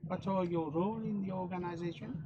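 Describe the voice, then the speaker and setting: A man's voice: sits high, steady tone, brisk, dark tone, muffled recording. A man with a Mauritian accent co-hosting a panel debate, hesitant and repeating himself. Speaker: debate co-host.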